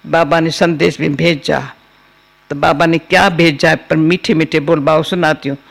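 An older woman giving a spiritual discourse, telling personal stories in a slow, homely way. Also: low voice, fairly even intonation, creaky. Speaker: spiritual teacher.

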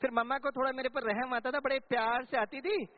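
Man doing a stubborn clever schoolgirl, pleading, high voice, tinny phone-like sound. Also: fairly even intonation, a little fast. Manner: pleading, matter-of-fact complaining. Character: cheeky seventh-grade girl, stubborn and clever.

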